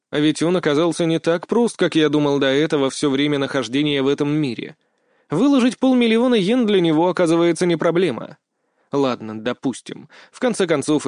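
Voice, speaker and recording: A man narrating a first-person audiobook in a measured, wry storytelling manner. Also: medium pitch, a little mellow, no room sound, studio quality.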